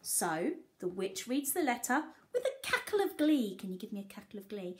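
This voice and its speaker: Very animated and moderately paced, a woman teacher with a mid-range voice performs a picture book for young children. She reads expressively and breaks in with asides, coaxing the kids with questions.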